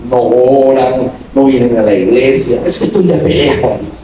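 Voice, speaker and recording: A man's voice: mid-range voice, normal speed, mellow, a little hiss or hum. A male pastor preaching a sermon. He is emphatic and quizzes the congregation with questions. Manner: emphatic, asks the congregation questions and acts out quoted voices. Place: church. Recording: echoey church hall from a distance.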